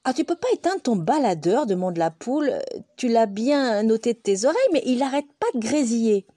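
A woman voicing a fretful female hen who muses aloud, with a lively voice raised higher and drawn out. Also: fairly quick, no echo, clean studio sound. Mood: irritated.

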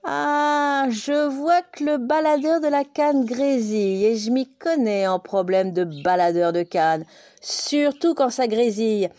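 A woman's voice: fairly high pitch, slow, a little mellow, no echo, pitched above the performer's own voice. A woman voicing a sly, self-assured male farmer who speaks in a smug, knowing way.

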